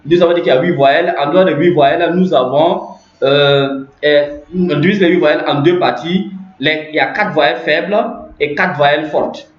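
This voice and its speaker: A man teaching a language lesson, explaining slowly and repeating himself, with many fillers. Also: on the high side, fairly even intonation. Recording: echoey room, dull lo-fi sound.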